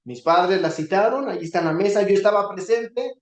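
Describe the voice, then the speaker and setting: A man in his thirties giving a sermon on a Torah portion, earnest and pleading, often dropping to a soft voice for emphasis. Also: sits high, expressive, brisk, echoey room. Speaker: Bible teacher.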